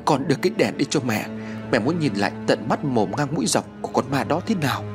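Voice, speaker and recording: A man's voice: medium pitch, sing-song, fast, over music, natural voice. A man voicing an older village mother-in-law in a spoken ghost story, motherly and commanding. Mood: steady.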